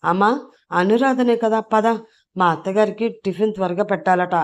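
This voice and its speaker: A woman voicing a helpful young daughter-in-law who briskly smooths things over. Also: mid-range voice, natural voice.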